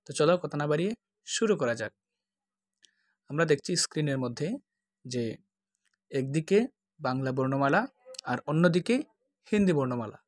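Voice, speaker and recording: A man's voice: on the high side, lively intonation, normal speed, long pauses, no echo, studio quality. Patient man teaching letter sounds. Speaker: language teacher. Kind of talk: tutorial explanation.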